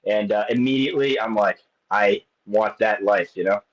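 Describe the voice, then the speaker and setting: A man's voice: lowish voice, moderate pace, muffled recording. A man in his late thirties, a guest in casual chat, rambling along with many restarts and fillers. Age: 30s.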